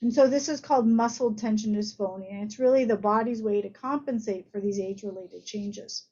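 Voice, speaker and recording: A woman doctor with a warm, medium-pitched voice speaks a little fast in an informal medical lecture. She explains things conversationally using everyday analogies, and the audio is slightly muffled.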